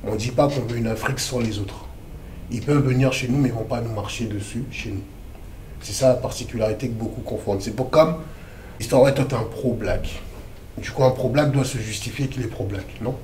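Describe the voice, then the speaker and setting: A man's voice: medium pitch, fairly quick, darkish tone, roomy sound, slight background noise. A man from the Democratic Republic of the Congo, in his thirties, speaking as an activist interview guest in a casual, emphatic, slangy way.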